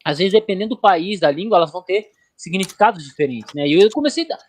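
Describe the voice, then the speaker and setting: A man hosting a casual chat, telling jokey stories in a slangy, lively way. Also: high voice, fast. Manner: joking storyteller, lively slangy delivery. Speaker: host.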